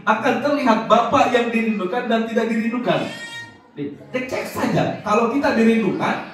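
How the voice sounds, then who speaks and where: A male preacher gives a lively religious talk, acting out the voices of parents and putting questions to his listeners. His voice sits high for a man. It comes from far off the mic in a very echoey hall. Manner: recites Arabic verses slowly. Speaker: Islamic preacher. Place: large hall before an audience.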